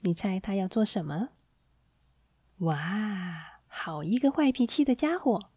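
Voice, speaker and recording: Woman reading a children's story, mellow tone. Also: medium pitch, slow pace, husky, no room sound. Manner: gentle, expressive reading to children.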